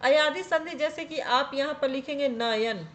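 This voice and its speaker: High-voiced woman teaching exam grammar. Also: moderate pace. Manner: explains step by step, often asks and answers her own questions; repeats "theek hai" to check in with viewers. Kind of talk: exam-prep grammar lesson.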